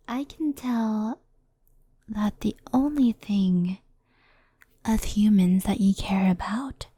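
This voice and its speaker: In an ASMR roleplay, a woman plays a gentle, mischievous fox spirit, speaking softly and intimately like a reassuring mentor, often whispering. Her mid-range voice has a breathy edge, with no room sound.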